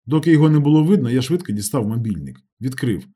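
A man reads a novel aloud in steady first-person narration. His voice is husky and dark, and his pitch moves in a lively way. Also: fast. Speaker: audiobook narrator.

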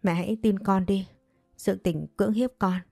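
A woman's voice: medium pitch, steady tone, normal speed, creaky, mellow, no echo, studio quality, soft background music. A woman voicing a frightened young girl who pleads timidly with her mother in a storybook tale. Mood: pleading.

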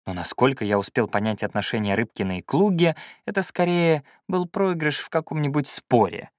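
A man narrating a first-person fantasy audiobook in an expressive storytelling manner. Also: mid-range voice, normal speed, dry recording, studio quality.

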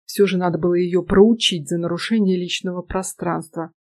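A woman narrating a first-person story in an even, steady manner. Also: lowish voice, moderate pace, no room sound. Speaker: audiobook narrator. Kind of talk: scripted narration.

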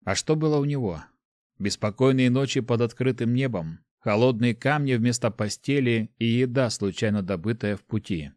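A man narrating an audiobook in a calm, measured reading. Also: medium pitch, dry recording, studio quality.

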